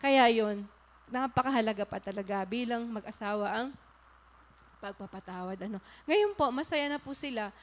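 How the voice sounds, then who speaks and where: A woman pastor from the Philippines giving an animated sermon, telling a story and putting questions to the congregation. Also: fairly high pitch, normal speed, a little hiss or hum. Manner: animated, rhetorical questions to the audience, polite and earnest.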